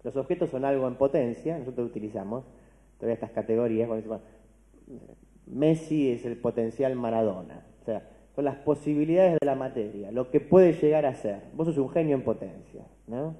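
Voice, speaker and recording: An Argentine man lectures on philosophy to a large audience, his voice very dark and mellow. He talks in a loose, conversational way, asking "¿no?" after his points and restarting words as he goes. A long reverb from a big hall trails each phrase. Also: medium pitch, brisk. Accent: Argentine Spanish.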